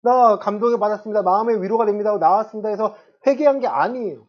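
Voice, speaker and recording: A man's voice: sits high, quick pace, lo-fi sound. A male pastor in his thirties preaching a sermon in a church, stressing points with rhetorical questions to the congregation. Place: church sanctuary.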